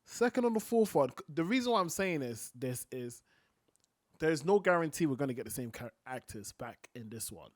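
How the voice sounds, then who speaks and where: A man's voice: mid-range voice, lively intonation, normal speed, no echo. Dry-sounding man reacting casually. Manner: offhand, reacting in short remarks. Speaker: reaction video host.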